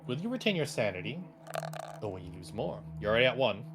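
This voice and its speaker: A man acting as game master, telling the scene in slow, hushed, theatrical narration and calling for dice rolls. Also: medium pitch, sing-song, background noise. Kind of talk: dramatic narration of a tabletop game.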